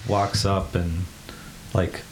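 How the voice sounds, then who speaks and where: A man chatting as a tabletop player, excitable and searching for words. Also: low-pitched, drawn-out words, echoey room, slight background noise, poor audio. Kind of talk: casual chat.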